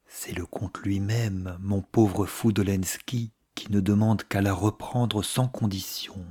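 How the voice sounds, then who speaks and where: A man reading a novel aloud, voicing an effusive, gossiping older aristocratic woman with theatrical, hushed asides. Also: fairly low pitch, steady tone, slow pace. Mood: conspiratorial.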